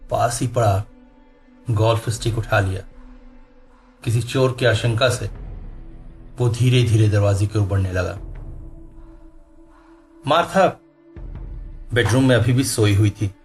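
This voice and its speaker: Slow suspenseful male horror narrator. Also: fairly low pitch. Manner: slow, suspenseful, rising in tense moments. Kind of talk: dramatic storytelling narration. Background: faint music.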